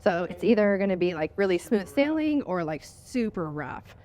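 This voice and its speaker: A woman's voice: on the low side, sing-song, moderate pace, darkish tone. A woman co-hosting a casual podcast, curious and asking questions. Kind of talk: casual chat.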